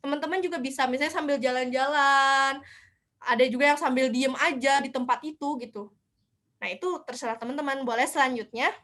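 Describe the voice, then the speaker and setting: A woman's voice: high-pitched, fairly even intonation, brisk, a bit bright. A young woman giving a casual online lecture, chatty, asking herself questions and answering them. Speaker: speaker at a student seminar.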